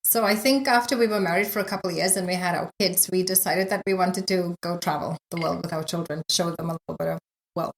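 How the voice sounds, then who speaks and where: A woman's voice: fairly low pitch, fast talker. A middle-aged woman from South Africa with a South African accent, telling her story casually as an interview guest, with frequent fillers and light laughs. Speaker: guest, yoga instructor.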